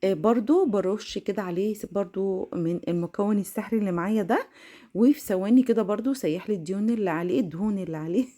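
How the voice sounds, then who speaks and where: Egyptian woman, young adult, brisk chatty vlog talk, mellow tone. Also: mid-range voice. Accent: Egyptian Arabic. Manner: fast, excitable, laughing, addresses viewers directly. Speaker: home vlogger. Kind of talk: chatty cleaning vlog voice-over.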